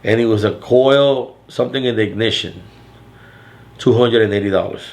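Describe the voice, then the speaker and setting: Deep-voiced older man telling stories. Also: normal speed. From Florida. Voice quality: deep, loud voice. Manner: rambling with frequent restarts and fillers. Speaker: vlogger. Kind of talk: casual storytelling monologue.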